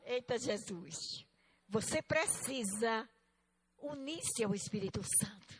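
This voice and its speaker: A woman teaching a fervent Bible school lesson, telling stories emphatically and moving between loud exclamations and quiet asides. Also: fairly high pitch, expressive, slow pace, breathy edge. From Northeastern Brazil.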